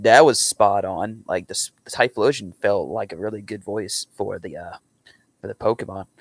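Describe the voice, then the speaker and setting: At home in a small room, a young man who reacts to content and does amateur voice acting chats casually and earnestly in a rambling reaction. His voice is fairly low and the recording is dry.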